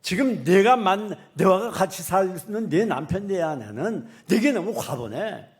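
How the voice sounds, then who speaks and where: A pastor voicing God as a stern figure who bluntly rebukes a complaining listener in a loud, slowed, emphatic voice. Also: male voice, high-pitched, expressive, voice pushed up.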